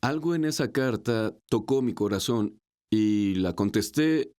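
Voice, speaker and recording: A man from New York, an interview guest, telling his story in a measured, conversational way. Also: on the low side, expressive, mellow.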